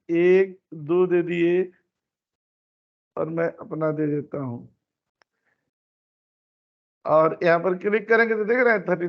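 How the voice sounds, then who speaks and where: A man teaching an online class, explaining step by step and repeating his phrases. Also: sits high. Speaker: instructor. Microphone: computer mic on a video call. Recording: dull lo-fi meeting recording.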